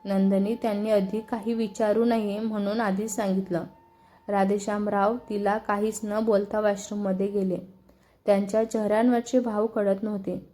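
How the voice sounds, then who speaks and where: Mellow woman narrating a story. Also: medium pitch, flat delivery, moderate pace.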